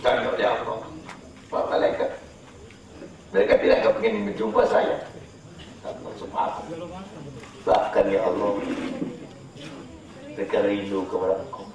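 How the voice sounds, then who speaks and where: A man preaching a sermon, firing mocking rhetorical questions at his listeners and jumping high in pitch when he scolds. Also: very animated, measured pace, long pauses, crowd noise. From Malaysia. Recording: very echoey hall, far from the mic.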